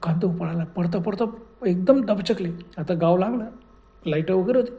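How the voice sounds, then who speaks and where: Hushed dramatic ghost-story narrator. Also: medium pitch, moderate pace. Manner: dramatic, with frequent hushed passages.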